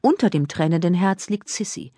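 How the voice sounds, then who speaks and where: Husky-voiced woman reading an audiobook. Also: on the low side, normal speed, no echo, studio quality. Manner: calm, even storytelling. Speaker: audiobook narrator. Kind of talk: scripted audiobook narration.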